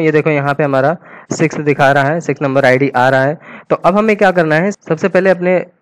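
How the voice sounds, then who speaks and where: A man of middle pitch walks through a coding tutorial at his desk microphone. He thinks aloud as he types and clicks, loose and conversational, and drops English terms into his speech. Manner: casual, thinks aloud while typing, mixes English terms into Hindi. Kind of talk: screen-recorded coding tutorial.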